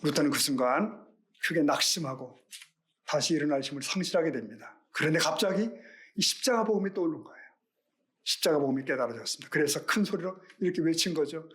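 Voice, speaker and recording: A man's voice: fairly high pitch, fast, a bit bright. Earnest male pastor preaching. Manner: earnest preaching with rhetorical questions. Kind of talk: sermon.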